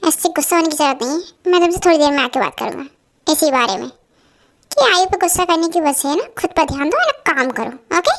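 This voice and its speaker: A woman's voice: sits high, lively intonation, a little fast. A woman playing a teasing male professor. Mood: stern. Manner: bossy, then coaxing. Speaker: voice dubber. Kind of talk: Hindi fan-dub drama acting.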